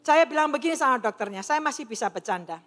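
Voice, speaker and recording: Her voice is high-pitched, expressive and a bit bright, and she speaks at a quick pace. This middle-aged woman earnestly testifies about her life before an audience in a large hall, playing out the quoted exchanges, while the hall adds a long reverb.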